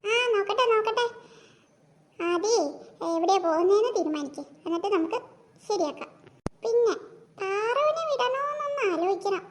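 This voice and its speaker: A woman's voice: extremely high pitch, animated, normal speed, pauses often. A woman voicing a practical, teasing mother in a family cartoon. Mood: firm teasing.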